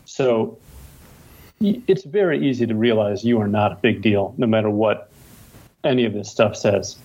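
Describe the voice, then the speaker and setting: A middle-aged male novelist, appearing as an interview guest, chats casually and tells anecdotes with wry self-deprecation. His voice is lowish, a little mellow and husky, at a moderate pace, with the highs cut off.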